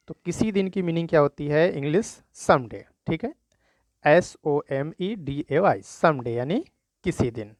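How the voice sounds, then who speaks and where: A man teaches a simple spelling lesson at a slow, deliberate pace and spells each word out letter by letter. His voice sits a little high for a man. The sound is close and dry, with no room around it. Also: darkish tone, dry recording. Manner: spells words letter by letter slowly, often repeats "thik hai".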